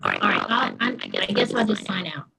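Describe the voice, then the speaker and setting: A woman's voice: lowish voice, huge pitch swings, moderate pace, creaky. A woman on a remote zoning board meeting whose video call audio comes through garbled and breaking up, talking in a confused, apologetic way. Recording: garbled call audio with loud crowd noise.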